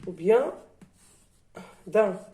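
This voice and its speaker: A woman's voice: mid-range voice, animated, drawn-out words, mellow. A woman teacher giving a reading lesson, spelling out letters one by one and repeating each sound. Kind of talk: slow syllable-by-syllable reading lesson.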